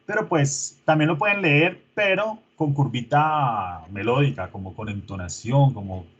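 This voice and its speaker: Profe guy on a lo-fi video call, slightly raspy, chatty, lots of little asides and diminutives. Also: mid-range voice, measured pace. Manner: informal, coaxing, full of diminutives and asides. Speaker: teacher. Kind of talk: coaching students in an online rehearsal.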